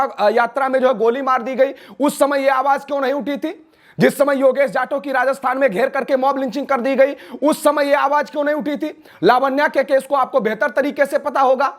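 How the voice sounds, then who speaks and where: A man with an Awadhi Hindi accent speaks with great heat as an interview guest. He declaims and fires off rhetorical questions. His voice sits very high for a man. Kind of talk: impassioned interview answers.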